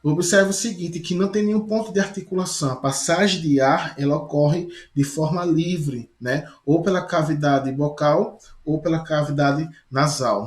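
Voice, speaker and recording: A male teacher with a Brazilian Portuguese accent gives a recorded lesson, explaining step by step, sounding out letters slowly and often checking in with "né?". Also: on the high side. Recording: echoey room.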